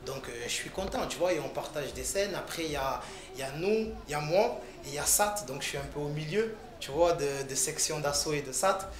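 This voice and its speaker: A man rapper talking casually in an interview, loose and halting, often restarting his sentences. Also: a little high, lively intonation, roomy sound, a crowd in the background. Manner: loose, halting speech with frequent restarts and fillers.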